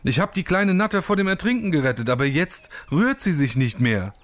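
A man's voice: fairly high pitch, animated, fairly quick, no room sound, pitched above the performer's own voice, natural voice. A man doing a jittery little bat voice. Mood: anxious. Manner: anxious, pleading. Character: small timid male grey long-eared bat.

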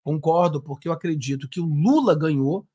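A Brazilian man in his thirties reacts live to political clips, talking earnestly and with emphasis. His voice sits a little higher than most men's. He speaks into a desk mic in a small home studio. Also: fairly quick, mellow, slightly rough. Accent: Brazilian Portuguese. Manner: earnest, emphatic, gestures with hands. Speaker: political commentator. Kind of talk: live-stream reaction commentary. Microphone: over-ear headphones, desk mic.

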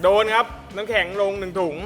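A man's voice: high-pitched, fairly even intonation, fast, very noisy. A man hosting and refereeing a quiz game, making casual but polite announcements and reading out questions. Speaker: game show host and referee.

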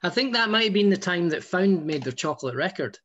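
A man's voice: high-pitched, lively intonation, a little fast, fairly bright tone, highs cut off. A Scottish man, a guest musician, chatting in a rambling, self-mocking way with lots of restarts. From Scotland. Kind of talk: casual chat.

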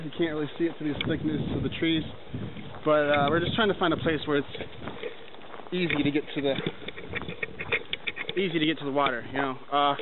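A young man vlogs his forest hike with a handheld camera at arm's length, chatting in a loose, rambling way as he walks. His pitch is fairly high, and the camera sound is tinny and lo-fi with a little noise.

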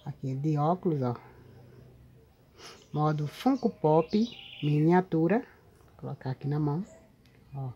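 A woman's voice: low-pitched, lively intonation, unhurried, long pauses, mellow, dull audio. A woman with a Brazilian Portuguese accent, chatting casually to viewers while showing crafts, recorded outdoors in a windy spot. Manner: chatty, addresses viewers often with tag questions. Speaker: paper craft video maker. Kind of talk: casual show-and-tell vlog.

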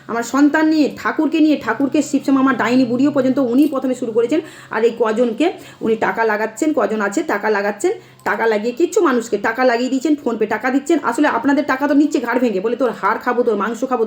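A temple devotee vlogger speaks straight to her viewers with passion and emphasis, repeatedly asking "ঠিক আছে?" as she makes her case. Her voice is high with a darkish tone.

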